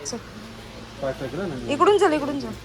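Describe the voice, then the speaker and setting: A woman's voice: sits high, expressive, slow. A young woman vlogging with a phone while shopping, coaxing and scolding her small child as she goes. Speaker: vlogger and mother. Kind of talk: casual vlog while shopping. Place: busy market outdoors and in a shop. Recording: noisy market background.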